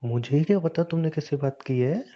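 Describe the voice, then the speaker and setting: A man's voice: on the high side, expressive, moderate pace, close to an everyday voice. A man playing an evasive, stammering young husband. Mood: irritated. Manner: defensive, stammering, pleading. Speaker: husband in a scripted couple sketch. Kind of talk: scripted phone-call comedy drama. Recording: dull lo-fi phone-call sound.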